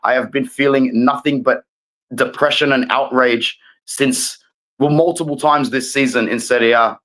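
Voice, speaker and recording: A man appearing as a guest fan, giving a passionate rant. He stays calm on the surface but presses every point hard, lecturing the other fans. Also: mid-range voice, moderate pace, low-quality recording.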